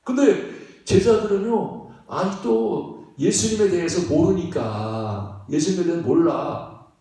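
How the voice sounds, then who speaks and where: High-voiced pastor preaching in an echoey church. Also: male voice, a little slow, mellow. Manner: emphatic, conversational preaching with frequent rhetorical questions and laughs. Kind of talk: sermon. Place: church sanctuary. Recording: echoey church sanctuary, distant mic.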